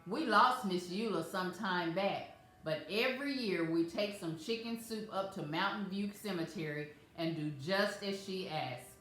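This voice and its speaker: A woman reading a picture book aloud to children as a storyteller, in a gentle, measured way. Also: on the low side. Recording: very echoey room, faint music.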